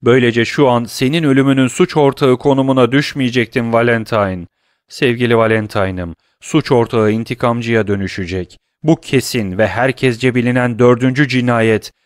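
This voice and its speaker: A man's voice: mid-range voice, no room sound, studio quality, natural voice. A man voicing a grief-stricken young lover who declaims accusations with raised, urgent intensity, in an audiobook.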